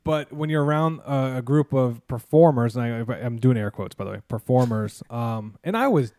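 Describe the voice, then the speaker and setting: A man of middling pitch tells long, meandering stories in a casual chat, leaning on "um" and restarts and dropping sarcastic asides. His voice sounds close and dry, with no room around it. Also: expressive, normal speed, a little mellow, no echo. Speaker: podcast host, mascot performer.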